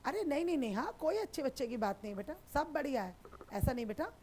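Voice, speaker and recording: High-voiced woman teacher, reassuring. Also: sing-song, quick pace, warm tone. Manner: affectionate, reassuring, calls students beta. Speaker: sociology teacher. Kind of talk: live online class chat with students.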